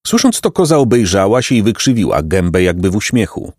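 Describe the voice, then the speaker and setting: A man narrating a children's storybook in an expressive, dramatic way. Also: lowish voice, fairly quick, no room sound, clean studio sound. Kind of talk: storybook reading.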